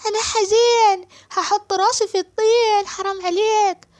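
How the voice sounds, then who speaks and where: A woman voicing a clownish young male servant with an Egyptian accent, whining loudly in melodramatic complaints. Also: very high-pitched, fairly even intonation, fast, no echo, studio quality, pitched above the performer's own voice. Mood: wailing.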